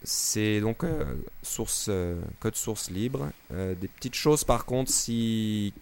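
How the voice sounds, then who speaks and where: Hoarse, cracking-voiced man, rather low. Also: lively intonation, slow pace, a little mellow. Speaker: podcast co-host. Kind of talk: casual technical discussion.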